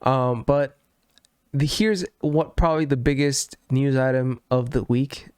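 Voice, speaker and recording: A man's voice: mid-range voice, steady tone, unhurried, a little mellow, clear, resonant tone, dry recording. Congested sick guy doing a gaming news podcast, rambly and sweary, dry close mic. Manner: rambling, self-correcting, swears casually. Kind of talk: casual solo news commentary.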